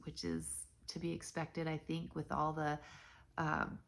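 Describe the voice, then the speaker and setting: Stuffy-nosed middle-aged woman with gravelly voice. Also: deep voice, very animated, a little slow. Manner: rambling, chatty, with many ums and self-corrections. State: stuffy, nasal from blocked sinuses. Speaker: knitting channel host. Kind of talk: casual chat to viewers.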